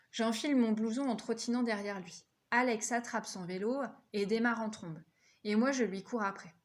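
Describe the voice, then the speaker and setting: A woman reading a children's novel aloud, lifting her voice for the characters' lines. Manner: lively, voices characters' quotes higher. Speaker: reader.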